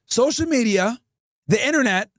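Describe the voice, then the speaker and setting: A man's voice: extremely high pitch, expressive, normal speed, music in the background. A podcast host, a man, delivering crude, profane, preachy commentary and speaking straight to his chat. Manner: addresses chat directly. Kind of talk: ranting commentary.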